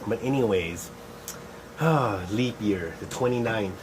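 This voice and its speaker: A man's voice: on the low side, lively intonation, slow. A middle-aged man chatting in a casual, rambling way as the host of a show. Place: shed. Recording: faint air-conditioner noise.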